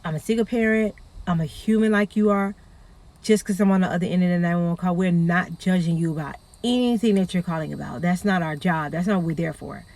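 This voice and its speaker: A woman's voice: lowish voice, brisk, darkish tone. A middle-aged woman, a 911 dispatcher talking casually and earnestly to her viewers. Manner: chatty, earnest, warns listeners with pleading repetition. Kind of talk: casual talk to camera.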